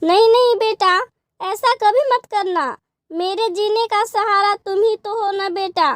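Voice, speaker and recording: A woman voicing a worried, gentle, poor young mother in a cartoon story. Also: extremely high pitch, measured pace, no echo.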